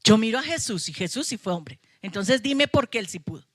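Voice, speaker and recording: In a church sanctuary, a middle-aged pastor from Colombia delivers a sermon with emphatic passion, mixing in playful remarks to the congregation. She speaks fairly quickly at a fairly high pitch, her intonation lively. The recording is dry.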